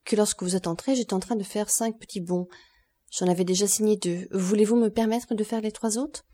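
A woman's voice: medium pitch, steady tone, brisk, mellow, close to an everyday voice. A woman reading an audiobook, voicing a boastful, proud male banker who turns nervous and stammering. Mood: vantard. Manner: swaggering, then flustered and stammering.

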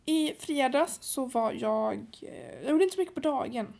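Young female co-host with a fairly high voice, relaxed and halting chat. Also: gravelly. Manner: hesitant, with many fillers and pauses. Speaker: podcast co-host. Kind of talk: casual chat.

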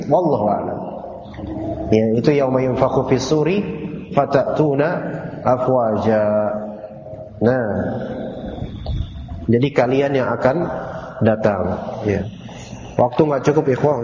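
A man teaching an informal Quran class, quizzing and gently teasing his students, with Arabic phrases woven into casual talk. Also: on the high side. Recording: echoey hall, dull lo-fi, audible room noise.

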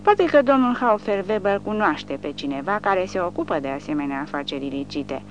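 Woman playing a smug hypocritical male soldier, lively pitch, faint hum. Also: natural voice. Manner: smug, nonchalant. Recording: dull recording with faint hum.

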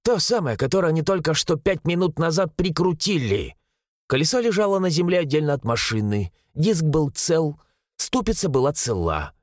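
A man narrating a story in an expressive, suspenseful audiobook style. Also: a little high, moderate pace, no room sound, studio quality.

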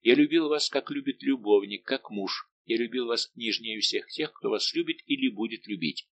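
A man's voice: mid-range voice, moderate pace, gravelly, a bit bright, no room sound. Raoul, a man reading a heartbroken nobleman. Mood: impassioned. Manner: impassioned, grave. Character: young nobleman, heartbroken, bitter, proud. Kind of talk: audiobook dialogue reading.

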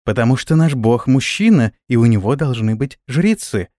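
A man voicing a tiny, excitable winged fairy girl who bossily makes herself a priestess, in a shrill, eager voice. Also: moderate pace, dry recording, clean studio sound, natural voice. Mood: bossy.

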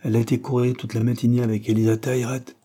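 A man's voice: medium pitch, level tone, quick pace, mellow, lightly acted. A man voicing an angry, gossiping working-class landlady who scolds indignantly, in an audiobook reading. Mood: furious. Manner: indignant, scolding, breathless storytelling.

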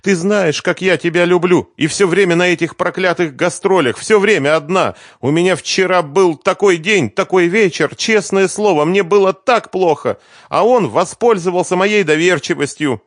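A man's voice: sits high, normal speed, dry recording, studio quality, pitched above the performer's own voice, natural voice. A man voicing a hysterical young woman singer who shrieks, sobs and scolds in an audiobook. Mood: pleading. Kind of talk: audiobook character voice.

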